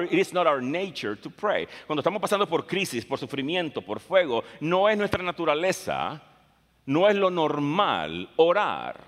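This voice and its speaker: A man with a fairly bright, high-ish voice preaches a sermon that alternates line by line between English and Spanish. He's emphatic, repeating phrases for stress, and a large hall's long reverb surrounds him.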